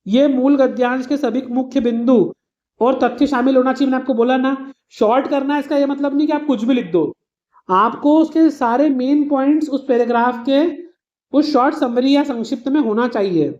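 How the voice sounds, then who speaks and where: Woman, teacher, exam revision lesson, patient explanations, everyday examples, mellow tone. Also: high-pitched, moderate pace, dull audio. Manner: explains patiently with simple everyday examples, addresses students as "beta".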